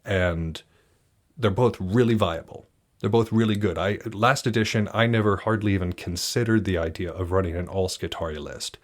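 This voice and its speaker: Deep-voiced man in his thirties, laid-back podcast host who rambles and restarts sentences. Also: normal speed. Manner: relaxed, rambling, frequent restarts and fillers. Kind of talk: casual solo podcast talk.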